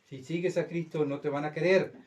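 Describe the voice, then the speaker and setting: A man's voice: on the high side, fairly even intonation, a little fast, recorded from a distance. Emphatic Uruguayan man preaching. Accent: Uruguayan Spanish. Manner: emphatic preaching, swinging between loud and hushed. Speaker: pastor. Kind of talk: sermon.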